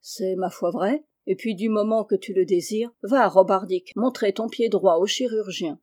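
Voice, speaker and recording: A woman reading aloud voices an old lord, a soft-hearted father who speaks fondly. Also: mid-range voice, normal speed, lightly acted. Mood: indulgent.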